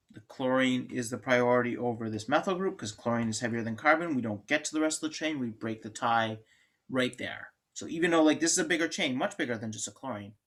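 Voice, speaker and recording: A man's voice: mid-range voice, a bit bright. A man lecturing on chemistry in an informal, joking way, thinking aloud and restarting sentences. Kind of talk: classroom lecture.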